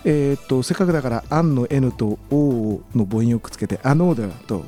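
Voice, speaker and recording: Man, lecturer, mellow tone, lively pitch, relaxed with many fillers, examples, faint music behind. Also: moderate pace. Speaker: business school lecturer. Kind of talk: radio lesson chat.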